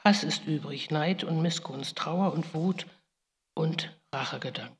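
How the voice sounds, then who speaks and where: A deep, slightly slow female voice takes the part of Rebekka, a biblical mother wracked with guilt. Her solemn first-person monologue, with bursts of pleading, echoes around a large hall, carrying the mood of a solemn lament.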